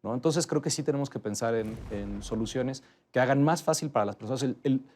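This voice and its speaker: A man, a guest in an interview, explaining transport policy in a steady, methodical way. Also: mid-range voice, fairly quick, slight background noise. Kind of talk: interview answers.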